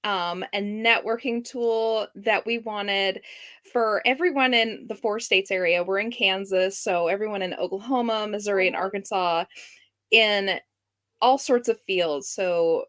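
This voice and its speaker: A woman's voice: mid-range voice, a little slow, fairly bright tone. A woman co-hosting a podcast in casual, chatty conversation. She laughs often and speaks over a streamed video call. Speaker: podcast co-host.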